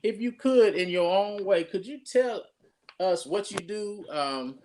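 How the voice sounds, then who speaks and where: A man's voice: high-pitched, lively intonation, a little slow, a little mellow, a little hiss or hum. A pastor, talking casually and rambling through his introduction of a guest with many restarts.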